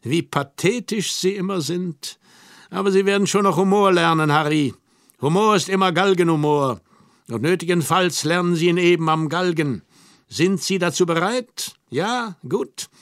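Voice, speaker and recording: Mocking know-it-all mozart ghost, a guy reading it out, kinda high voice, dry close sound. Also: normal speed, a bit bright, dry recording. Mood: scornful. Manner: scornful, lecturing, ironic. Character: mocking, all-knowing male spirit of Mozart.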